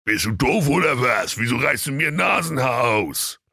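A man's voice: medium pitch, very animated, moderate pace, vocal fry, bright, forceful tone, husky, no room sound, clean studio sound, pitched above the performer's own voice, heavily acted. A man voicing a sleepy, grumpy male devil who whines tiredly, in a comic storybook tale. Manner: whiny, tired.

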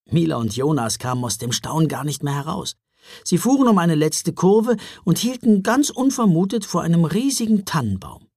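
Lively, husky male storyteller. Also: a little high, no echo, studio quality. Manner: expressive storyteller. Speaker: narrator. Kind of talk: children's audiobook narration.

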